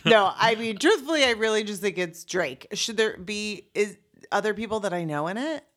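A woman's voice: medium pitch, lively intonation, moderate pace, fairly bright tone. A woman co-hosting a casual podcast, goofy and giggly as she makes guesses. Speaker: podcast co-host.

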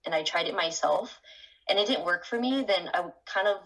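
A woman's voice: lowish voice, animated, a little fast, fairly bright tone, poor audio. A woman being interviewed about her experiences, chatting casually with many "like"s and "um"s. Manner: chatty, lots of "like" and "um", with restarts. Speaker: interview guest.

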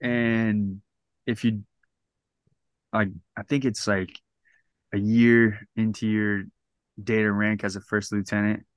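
A man's voice: lowish voice, little pitch movement, takes it slowly, long pauses, smooth, no room sound. A man in his thirties, a podcast guest, telling his story in a casual, rambling way with lots of restarts. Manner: rambling, many restarts and "like" fillers.

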